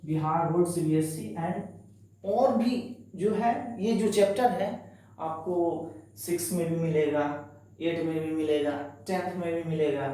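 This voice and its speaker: A male teacher talks his class through a lesson in a chatty, reassuring way, saying key words again and again. His voice is mellow and a little high. It rings around a very echoey classroom and comes from some way off the mic. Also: a little slow. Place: echoey classroom, writing on a board. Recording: very echoey room, voice from a distance.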